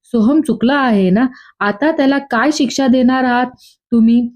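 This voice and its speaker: A woman's voice: fairly high pitch, moderate pace, darkish tone, close to an everyday voice. A woman voicing a scheming woman who needles and stirs family trouble. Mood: sly. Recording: dull lo-fi.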